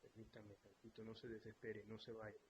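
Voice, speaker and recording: A man's voice: lowish voice, completely flat delivery, normal speed, noisy background. A man moderating a live online debate, formally laying out the rules step by step. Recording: dull lo-fi online audio.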